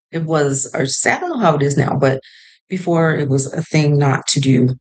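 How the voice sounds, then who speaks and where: A low-voiced young woman chats to her camera in a loose, rambling way. She gives advice as if talking to a close friend. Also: darkish tone, rough recording. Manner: chatty, rambling, shifts into playful voices. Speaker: vlogger. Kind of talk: casual advice chat to camera.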